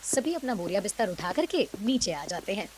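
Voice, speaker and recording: A woman's voice: mid-range voice, sing-song, a little fast, a little mellow. Woman narrating a cartoon story.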